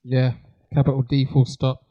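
A man's voice: medium pitch, monotone, moderate pace. A man co-hosting a podcast, signing off in a casual way. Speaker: podcast co-host. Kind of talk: casual sign-off. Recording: dull lo-fi sound.

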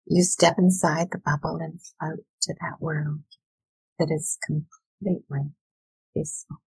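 A woman educator speaking in a soft, soothing, deliberate way with pauses, as if leading a guided visualization, her voice breathy and husky. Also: low voice, steady tone, dry recording, poor audio. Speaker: educator, workshop leader.

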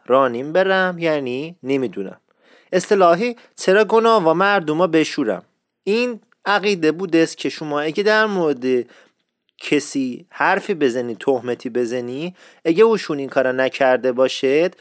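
A man teaching a language lesson, who explains expressions and repeats key terms slowly. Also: on the high side, no room sound, studio quality. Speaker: Isfahani dialect teacher. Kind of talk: radio-style language lesson.

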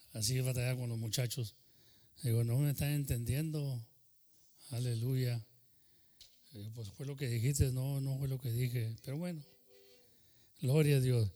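A man, a pastor who leads a sermon and prayer, talks fast and sometimes unclearly, and keeps calling out "Señor". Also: mid-range voice, darkish tone, in a large hall. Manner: fervent praying, repeating "Señor". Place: church service.

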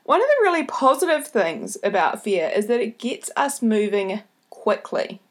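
A woman with a broad New Zealand accent hosting a solo podcast, giving motivational advice in a careful, deliberate way. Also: medium pitch, sing-song. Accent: broad New Zealand (Kiwi). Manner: deliberately slowed, careful delivery with repeated key points. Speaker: podcast host.

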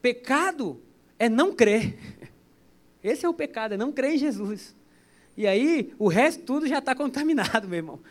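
A man's voice: very high voice, lively intonation, normal speed. A man preaching a sermon to a church service, chatty and joking, with stories woven in. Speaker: pastor.

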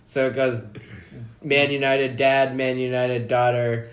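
A man's voice: medium pitch, little pitch movement, measured pace. A man co-hosting a soccer podcast, telling a rambling story in casual chat, heavy on swearing and fillers. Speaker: podcast co-host.

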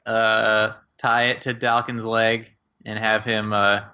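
A man joining a tabletop game, his voice very bright and pushing forward. He jokes and talks plans through in a relaxed, easy way. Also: lowish voice, takes it slowly, clean tone. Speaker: player. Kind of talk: casual tabletop play.

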